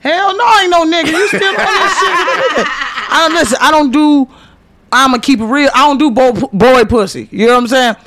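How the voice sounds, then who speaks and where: A woman's voice: sits high, moderate pace, very noisy. A woman in her late thirties in casual podcast chat, boisterous and joking, laughing often. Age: 30s.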